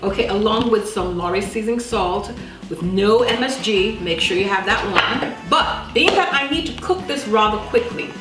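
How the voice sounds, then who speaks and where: At a normal speed and in an expressive, mid-range voice, a Jamaican woman around fifty runs a casual cooking demonstration, chatty and emphatic, peppering the listener with questions. Loud music plays behind her in a roomy, echoing space, mixed with the clatter of pots and stirring.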